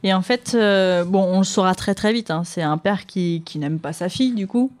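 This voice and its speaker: A woman book reviewer on a radio show presents books in a casual chat, reading aloud too. Her voice is medium-pitched and a little mellow at a moderate pace, and she's talkative, with frequent fillers and easy laughter.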